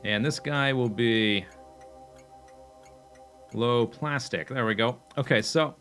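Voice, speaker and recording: Man, young adult, casual gameplay commentary, thinking aloud, hiccups, medium pitch, faint music behind. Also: slow pace, a bit bright. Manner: thinking aloud, chatty, with fillers and self-corrections. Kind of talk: casual let's play commentary.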